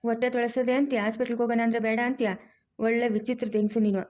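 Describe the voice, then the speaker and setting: A woman voicing a bossy, caring middle-aged village aunt, in a loud, scolding, teasing manner. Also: fairly high pitch, flat delivery, very fast, natural voice.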